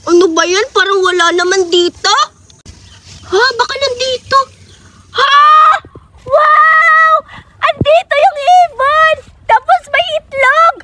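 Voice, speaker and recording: An excitable cartoon girl full of gasps and exclamations, played by a woman. Her voice is very high and piercingly bright. A faint background hiss sits behind it. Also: normal speed, pauses often. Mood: curious. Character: excitable young girl Zoraida. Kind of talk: cartoon voice acting.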